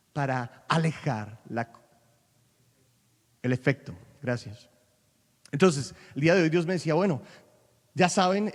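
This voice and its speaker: Animated bilingual preacher in a reverberant hall. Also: male voice, on the high side. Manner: animated preaching, switching between English and Spanish, rising to loud peaks. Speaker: pastor. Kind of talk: sermon.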